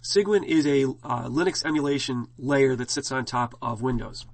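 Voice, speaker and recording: A man's voice: medium pitch, normal speed. Man lecturing a class with a scratchy throat. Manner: casual, rambling, frequent fillers and restarts. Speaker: college instructor.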